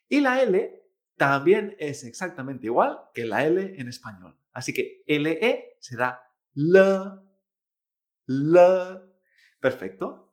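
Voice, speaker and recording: Young male teacher, fairly high voice, slow, patient lesson delivery. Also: a bit bright. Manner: slow, patient, demonstrating sounds. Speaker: Mandarin teacher. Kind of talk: language lesson.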